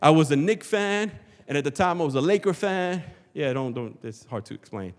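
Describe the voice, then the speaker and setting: A pastor with a slightly high voice and lively intonation preaches at a normal speed to a congregation in a large church hall. He repeats phrases for effect in an emphatic, rhetorical style, heard through a sanctuary PA with long hall reverb.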